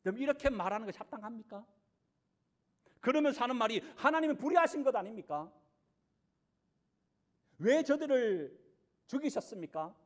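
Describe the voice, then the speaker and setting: A man's voice: very high-pitched, expressive, fast. A man preaching a sermon as pastor, putting rhetorical questions to his congregation.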